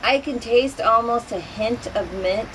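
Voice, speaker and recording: A woman's voice: a little high, a little slow. A woman giving matter-of-fact verdicts on a snack while chewing, outdoors near a road. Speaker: taste-test panelist. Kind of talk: casual chat. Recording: outdoor traffic noise. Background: passing traffic.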